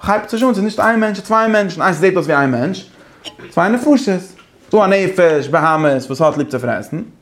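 A man giving a casual, animated lecture that switches between languages, with many halting restarts. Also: high voice, slight background noise. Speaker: teacher.

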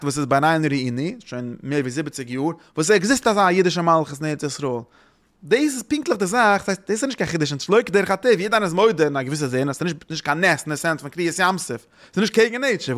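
A man talks through religious ideas in a loose, informal way. His voice sits a little high, and he halts and circles back over the same phrases again and again. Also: a bit bright. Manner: rambling, halting, repeats phrases.

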